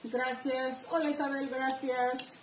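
A middle-aged woman with a northern Mexican accent teaches a live craft class, chatting and speaking straight to her viewers. Her voice is high and flat, she goes slowly, and she sits far from the mic. The room echoes, with faint background noise.

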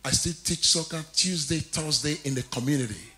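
A man's voice: a little high, moderate pace, bright, forceful tone. A man preaching a sermon in a church, jovial and laughing often, repeating key phrases with rising emphasis. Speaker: pastor.

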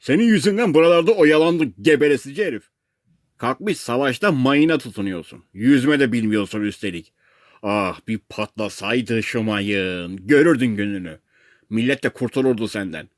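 Man putting on rude rescue sailors in a storybook, shouting abuse by megaphone, raised pitch. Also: moderate pace, dry recording, studio quality, natural voice. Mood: scolding. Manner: yelling insults through a megaphone. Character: angry shouting male lifeboat sailors.

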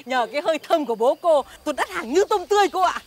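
A high-voiced, gossipy tea-stall seller. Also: female voice, lively intonation, fast, slight background noise. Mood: gossiping. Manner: chatty, gossiping.

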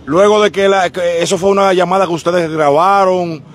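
A man, interviewing people on a busy street with a handheld mic, asking brisk questions. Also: high voice, fairly even intonation, slight background noise. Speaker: street reporter.

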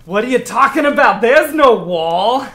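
A man voicing a sneering male thug who mocks his foes in the dark. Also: very high voice, lively intonation, a little slow, voice pushed up, full character voice. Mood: mocking. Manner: mocking, taunting.

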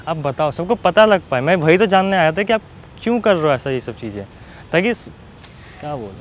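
Fast-talking man pleading on a street. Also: fairly high pitch, very animated, slight background noise. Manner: pleading, repeatedly asks to be heard. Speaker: YouTuber filming a street confrontation. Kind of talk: confrontation vlog. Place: outdoors on a city street.

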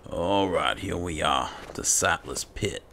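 A gaming channel host plays a role-playing game in character as an alchemist, musing aloud slowly with game music beneath. His low, creaky voice has a sharp tone, and there's a slight hiss or hum on the recording.

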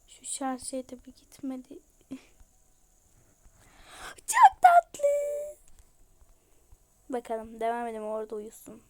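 A woman giving casual, excitable commentary as she plays a game, gushing over cute things. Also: a little high, fairly quick. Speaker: game vlogger.

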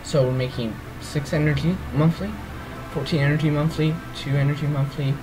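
A let's play gamer with a groggy, fairly high-pitched voice talks a little fast in a steady tone, with music in the background of a rough recording. He walks through a strategy game's menus in a casual walkthrough. He's hesitant and meandering, peppered with ums and self-corrections.

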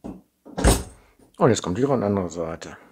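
A middle-aged model kit maker from the Ruhr area, with a Ruhr German accent, chats and thinks aloud while assembling a kit at an indoor workbench, often tagging sentences with a questioning "ne?". His low, expressive voice draws out words. It's an unscripted demo on a camera mic over the tabletop with his hands in frame, and the background is noisy.

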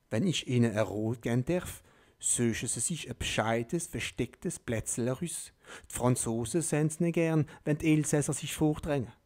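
A man's voice: mid-range voice, natural voice. A man doing a barking old gatekeeper saint. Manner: loud, barking orders. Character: gruff elderly male gatekeeper saint, brusque.

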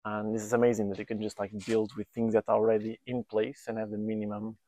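Interviewed outdoors on a countryside building site, a volunteer builder in his thirties whose first language is Portuguese speaks hesitantly, often restarting sentences as he searches for words. His lowish, mellow voice is flat and quick, picked up by a lapel mic with slight background noise.

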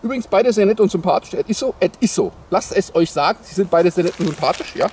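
A man's voice: high-pitched, animated, fast talker, darkish tone, slight background noise. A man as a parody news anchor, improvising satirical headline commentary in a mock-naive, sarcastic, rambling way. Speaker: host of a satirical news show. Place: outdoors in the cold.

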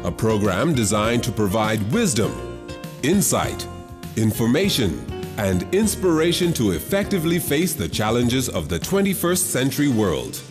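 A man's voice: medium pitch, very animated, moderate pace. Male announcer over music. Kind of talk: scripted promo narration.

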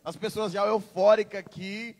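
Brazilian guy hosting a live, super excited, mellow tone, long hall reverb. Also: high-pitched, moderate pace. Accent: Brazilian Portuguese. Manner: excited, exclamatory, reads out viewer comments. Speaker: host of the live stream.

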